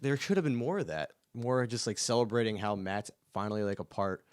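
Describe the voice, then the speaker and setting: Low-voiced excitable male podcast co-host. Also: brisk, clean tone, no room sound, studio quality. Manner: excitable, given to exclamations of disbelief. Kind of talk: casual music review chat.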